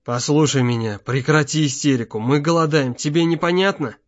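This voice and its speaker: A man's voice: fairly high pitch, a little fast, muffled recording, close to an everyday voice. A man playing a hardened father guarding his son, with stern, clipped and urgent speech.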